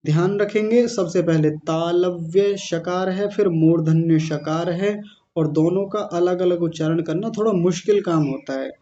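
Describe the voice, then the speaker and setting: A male teacher leading a recitation class, chanting verses syllable by syllable, correcting pronunciation and often clearing his throat. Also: sits high, measured pace, mellow, highs cut off. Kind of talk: online class pronunciation drill.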